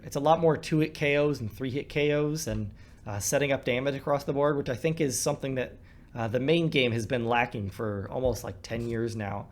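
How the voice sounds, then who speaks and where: A man giving casual commentary while playing a card game, thinking aloud with many ums and restarts. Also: mid-range voice. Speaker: co-host discussing a card game.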